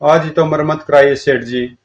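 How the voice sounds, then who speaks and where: A man reading a comic story aloud and voicing all of its characters in a lively way. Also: a little high, normal speed. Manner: lively, shifts between characters' lines. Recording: dull lo-fi recording.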